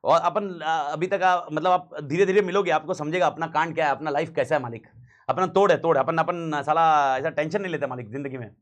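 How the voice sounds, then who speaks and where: A man's voice: on the high side, brisk, fairly bright tone. A man teaching a class in a casual, slangy way, repeating key points and mixing in English phrases.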